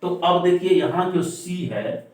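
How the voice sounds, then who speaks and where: A man's voice: sits high, animated, a little mellow. A man teaching a lesson, repeating key points and asking and answering his own questions, heard from a distance in a very echoey room. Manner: stresses words by repeating them slowly. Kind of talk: classroom-style explanation.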